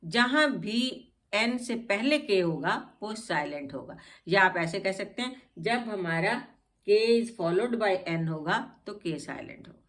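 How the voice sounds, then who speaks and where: A woman's voice: medium pitch, expressive, slow pace, fairly bright tone. A woman teaching English spelling rules, patiently spelling out each word letter by letter. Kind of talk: spelling lesson explained in Hindi.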